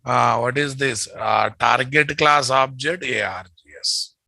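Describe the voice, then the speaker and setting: Indian guy w telugu accent teaching coding, slow, sharp bright voice, keeps repeating stuff. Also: mid-range voice, gravelly, no room sound. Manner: repeats phrases, often checks in with students. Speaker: programming teacher. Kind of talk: live coding lesson.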